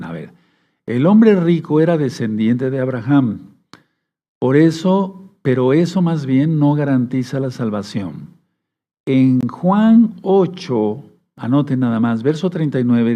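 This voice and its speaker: A man preaching a Bible study sermon, reading verses aloud slowly and often checking that his listeners follow along. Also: mid-range voice, warm tone. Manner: reads scripture aloud slowly. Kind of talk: sermon teaching.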